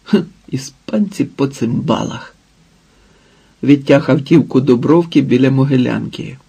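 A man narrating an audiobook in a calm, measured way. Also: medium pitch, creaky, breathy edge. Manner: calm, measured, unhurried reading. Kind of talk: scripted narration.

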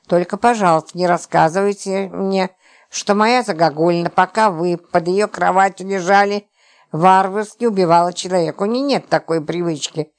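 A woman reading the part of an exasperated, sarcastic man who hides out in a stranger's flat, prone to angry outbursts. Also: on the low side, normal speed, lightly acted. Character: exasperated sarcastic man, a company boss hiding out.

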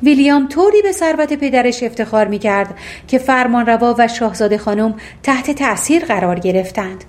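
A woman's voice: on the high side, expressive, a little mellow. A woman narrating a fairy tale audiobook, reading expressively and voicing the characters herself.

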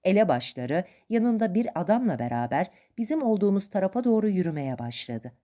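A woman's voice: medium pitch, sing-song, a little fast, dark tone, dull audio. A woman reading a first-person adventure story aloud as narrator, with dramatic expression.

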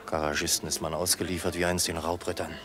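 In a German radio drama, an actor plays a breezy, self-satisfied travelling salesman, using a low, level voice with light acting and a fast delivery. He muses idly to himself in casual, clipped phrases.

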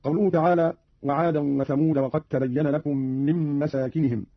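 A man's voice: fairly high pitch, fairly even intonation, fairly quick, no echo, dull audio. A man formally explaining Quran recitation variants, reading out example verses, on an archival radio recording.

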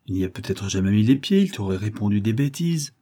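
A man reading an audiobook voices a sharp-tongued, scheming woman who runs a gambling club, scolding her partners with open contempt. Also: lowish voice, animated, fairly quick. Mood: scornful.

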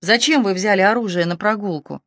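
A woman's voice: mid-range voice, brisk, dry recording, lightly acted. A timid young male detective, red-haired and sweating, as a woman reader puts him on, who stammers out his bewildered questions. His voice is lifted a little above the reader's own. The recording is dry and close.

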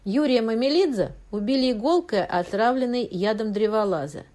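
A woman's voice: a little high, lively intonation, moderate pace, darkish tone, pitched above the performer's own voice, natural voice. A woman voicing an irritable husband who works as an investigator. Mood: agitated. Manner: irritable, grumbling.

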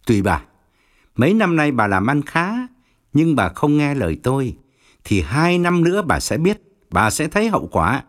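A man's voice: medium pitch, big pitch swings, normal speed, lightly acted. A man voicing a boastful, menacing male feng shui master in an audiobook. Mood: solemn warning. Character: smooth-talking middle-aged male feng shui swindler. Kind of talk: audiobook reading.

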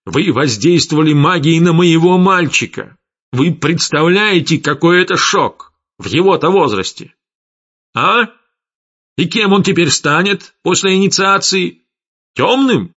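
A man's voice: mid-range voice, expressive, measured pace. A man doing an imperious, wrathful old mage. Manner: commanding, accusing, sharply rising. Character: imperious ancient male light mage, wrathful. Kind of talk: audiobook character voice. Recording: slightly dull lo-fi audio, faint music.

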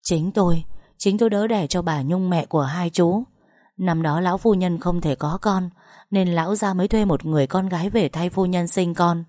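A woman's voice: fairly low pitch, moderate pace, dark tone, no room sound, clean studio sound, lightly acted. A woman voicing an older female servant in an audio story, tearfully pleading as she confesses.

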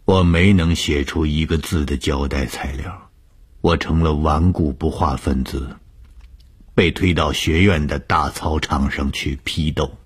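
A man narrating a first-person audiobook story, slow and often breathy, sometimes half-whispered. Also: a bass voice, fairly even intonation.

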